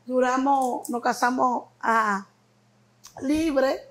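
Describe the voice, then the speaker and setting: High-voiced Dominican woman telling stories. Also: very slow, low-quality recording. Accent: Dominican Spanish. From Dominican Republic. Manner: laughing, expressive, acts out quotes. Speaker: interview guest. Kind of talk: animated storytelling chat.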